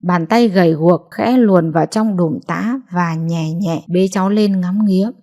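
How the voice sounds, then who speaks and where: A woman narrating a family drama in a steady, measured storytelling voice. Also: fairly low pitch.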